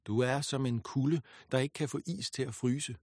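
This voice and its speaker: A man voicing a furious, vengeful goddess who speaks in a shrill, commanding, scornful way. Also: fairly even intonation, a little mellow, no echo, studio quality, close to an everyday voice. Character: furious vengeful goddess, woman, proud and spiteful.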